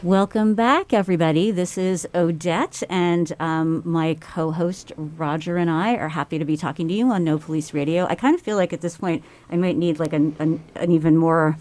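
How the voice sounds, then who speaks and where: A woman co-hosting a casual radio show, slightly muffled from talking through a mask, in a halting, rambling way with amused asides. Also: deep voice, steady tone, darkish tone. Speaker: radio co-host.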